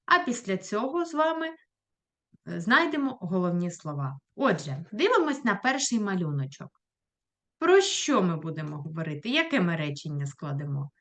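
Woman, schoolteacher, lively voice, patient questioning tone, talking to children. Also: lowish voice, normal speed. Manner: clear, patient, questioning teacher tone. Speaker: primary school teacher. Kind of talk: recorded online lesson for children.

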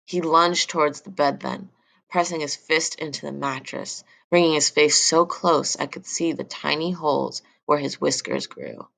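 A woman narrating a novel in the first person at an even, measured pace. Her voice is low and deep, with a gravelly fry running through her lines. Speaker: audiobook narrator.

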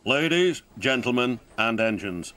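A man's voice: medium pitch, big pitch swings, a little slow. A man voicing a stern, pompous railway boss. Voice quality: formal, commanding. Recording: narration over loud music.

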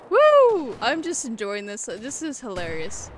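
Giggly woman streamer, slow-paced chatter, faint room noise behind. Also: fairly high pitch. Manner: giggly, exclamatory, amused. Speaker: gaming channel host. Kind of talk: laughing live gameplay commentary.

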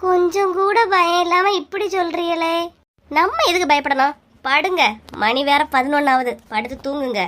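Woman playing a high breezy cartoon housewife, Kanyakumari accent, teasing, unbothered. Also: fairly even intonation, normal speed, fairly bright tone, slight background noise. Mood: carefree. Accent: Kanyakumari Tamil. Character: carefree cheeky housewife who fancies herself a star. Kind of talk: cartoon comedy voice acting.

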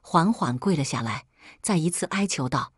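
Breathy lady reading a story, lowish voice, dry close mic. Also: expressive, normal speed, dry recording. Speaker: story narrator.

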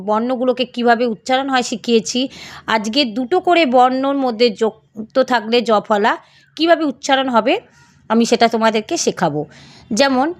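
A woman teaching a reading lesson, spelling out sounds slowly one syllable at a time. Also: high-pitched. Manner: slow, drawn-out syllable-by-syllable teaching.

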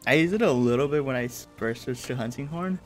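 Streaming a game from home, a man in his thirties from California talks quickly in a medium-pitched voice. His commentary is casual and full of laughter, with faint game music audible behind him.

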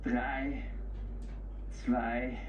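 Low-voiced woman coaching a workout from afar. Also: level tone, echoey room, distant mic, noisy background. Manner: brisk coaching commands. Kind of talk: workout instructions.

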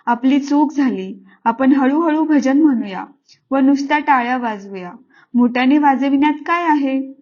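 A woman's voice: high-pitched, unhurried. A woman doing an earnest young village boy. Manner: pleading, innocent questioning. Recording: slightly muffled lo-fi.

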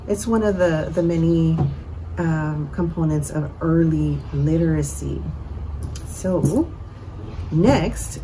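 A woman leading a bilingual children's storytime, switching between English and Spanish and drawing out words slowly to count syllables. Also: low-pitched, warm tone, a little hiss or hum, poor audio. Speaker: children's librarian. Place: library.

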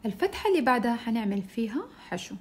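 A woman's voice: fairly high pitch, sing-song, racing, breathy edge. A woman teaching a crochet shawl step by step, patiently counting stitches aloud. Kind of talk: step-by-step tutorial.

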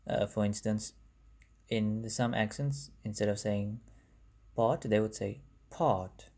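Talking through a relaxed slide-based language lesson, this young man has a South African accent and speaks Bangla natively. The recording comes from a phone. His low-leaning, slightly mellow voice moves slowly while he chats and corrects himself along the way.

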